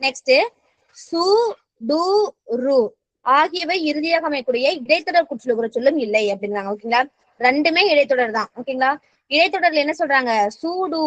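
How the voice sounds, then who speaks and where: A woman's voice: high voice, no room sound. A woman teaching a grammar lesson. She keeps checking in with her students and mixes English words into her explanations. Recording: dull, slightly muffled sound.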